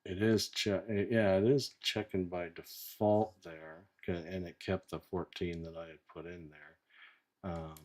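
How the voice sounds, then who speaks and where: A man's voice: deep voice, fairly even intonation, a little slow, darkish tone. A man hosting a live online session, thinking aloud in casual chat as he clicks through settings. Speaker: host running a live software test.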